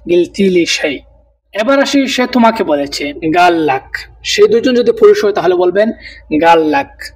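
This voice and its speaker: Male language tutor with a high voice who drills phrases slowly and a little away from the mic. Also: far from the mic. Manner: slow, repeats each phrase twice. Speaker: language teacher. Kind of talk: spoken language lesson.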